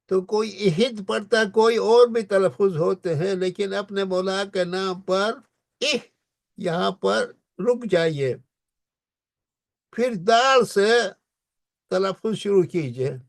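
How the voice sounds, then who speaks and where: A man gives a lecture on reciting scripture, pausing to chant verses in long, slowly stretched syllables. His voice sits high and carries a gravelly edge. The sound is dry and close. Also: no echo. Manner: slowly drawn-out recitation of verses between explanations. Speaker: teacher. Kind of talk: Quran recitation lesson.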